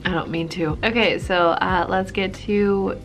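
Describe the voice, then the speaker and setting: A tired, yawning woman vlogging casually from her art studio, low-energy and rambling with self-deprecating laughs. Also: fairly even intonation, a little slow. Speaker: artist vlogger. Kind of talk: casual vlog chat.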